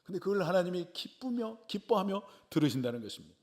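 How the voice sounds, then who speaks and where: A middle-aged man, a pastor, preaching a sermon. He swells loud on key phrases, drops quiet after them, and asks the congregation rhetorical questions. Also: high-pitched, sing-song, fast talker.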